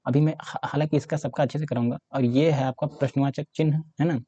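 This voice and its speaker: A man's voice: fairly high pitch, steady tone, fast, dark tone, slightly rough, dry recording. A man teaching a Hindi grammar lesson for exam preparation, explaining step by step while writing and often checking in with his students.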